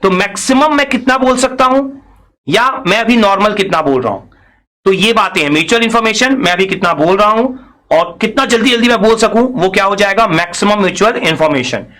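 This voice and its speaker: A man's voice: high-pitched, expressive, fairly quick, pushed and bright. A man giving a recorded engineering lecture, explaining step by step, asking and answering his own questions, and mixing in English technical phrases.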